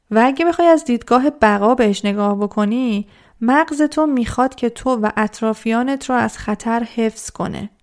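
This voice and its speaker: A woman giving a reflective psychology talk, calmly addressing the listener with direct questions. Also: on the high side. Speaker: self-help speaker.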